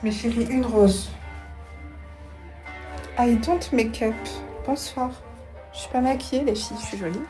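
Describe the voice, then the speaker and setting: High-voiced lisping woman, music behind her. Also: a little slow, long pauses, rough recording. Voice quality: slight lisp on s sounds. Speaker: livestream host. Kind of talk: casual livestream chat.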